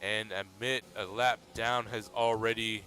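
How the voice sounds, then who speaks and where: A man commentating a sim racing league race in a relaxed, steady play-by-play manner. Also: lowish voice, measured pace. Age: adult.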